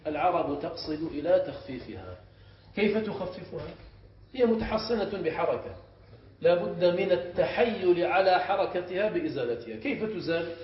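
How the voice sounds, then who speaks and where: A man, a sheikh, teaching a grammar class. He explains step by step and often checks the students with quick questions. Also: high voice, lively intonation. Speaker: sheikh teaching Arabic morphology. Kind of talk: classroom lesson. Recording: echoey room, muffled sound, faint hiss.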